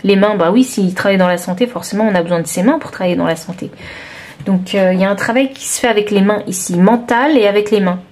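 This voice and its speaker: A woman's voice: medium pitch, fast, darkish tone. A woman with a southern French accent doing a tarot card reading for viewers, thinking aloud with many hesitations. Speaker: tarot reader.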